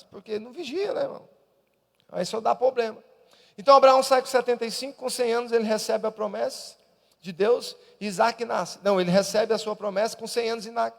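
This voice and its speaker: A man preaching a Pentecostal Sunday school sermon as an evangelist, from Brazil, building into loud emphatic preaching in a church hall. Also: extremely high pitch, gravelly. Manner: swells into loud emphatic preaching, repeatedly addressing "irmão". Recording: long church reverb.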